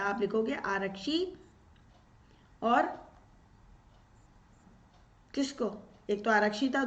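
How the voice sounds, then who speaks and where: A woman teacher walks through an exam paper, putting questions to the class and answering them herself. Her voice sits a little high. The recording is dull and a bit lo-fi, with an echo from the room. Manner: explains step by step, asks and answers her own questions. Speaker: Sanskrit teacher. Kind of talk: exam-paper walkthrough lesson.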